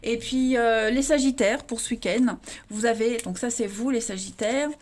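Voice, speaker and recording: High-voiced chatty tarot reader woman. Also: steady tone, moderate pace, noisy background. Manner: chatty, many fillers and restarts, addresses viewers as friends. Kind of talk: casual tarot reading for viewers.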